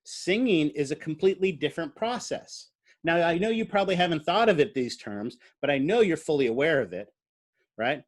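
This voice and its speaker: A man's voice: on the high side, expressive, fairly quick. A man giving a biology lecture in a classroom. He explains at an easy, conversational pace, uses fillers like "uh," and puts questions to the students.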